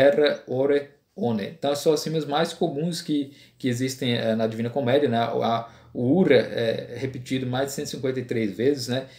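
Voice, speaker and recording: A man giving an informal lecture, pausing often and tagging his sentences with a questioning "right?". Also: medium pitch, darkish tone. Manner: halting, with frequent fillers and "né?" tags. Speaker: teacher. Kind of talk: classroom-style lecture. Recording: roomy echo.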